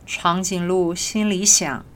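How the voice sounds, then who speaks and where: Woman telling a children's story, slowly. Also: lowish voice. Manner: gentle, expressive, unhurried.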